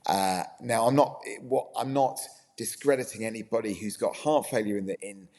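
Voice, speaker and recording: A man talks as a guest on a casual podcast, earnest and animated, and often restarts his sentences mid-thought. His voice sits on the low side. A long reverb trails his words, as if he were in a hall. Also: moderate pace. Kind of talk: casual conversation.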